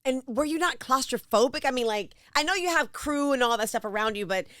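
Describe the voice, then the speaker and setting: A woman's voice: high-pitched, expressive, fairly bright tone, no echo, clean studio sound. A woman talk show host asking questions in a chatty, affirming way. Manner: chatty, affirming, quick asides. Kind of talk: casual interview talk.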